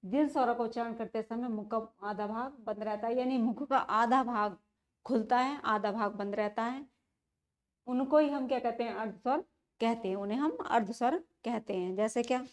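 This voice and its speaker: A woman's voice: a little high, normal speed. A woman teaching a grammar lesson, repeating key terms and asking rhetorical questions as she explains. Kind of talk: classroom-style lesson.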